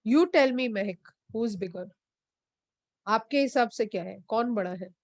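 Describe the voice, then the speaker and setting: A woman's voice: fairly high pitch, takes it slowly, a little mellow, no echo. A woman teaching a physics class online, switching between English and Hindi and calling on students by name to answer.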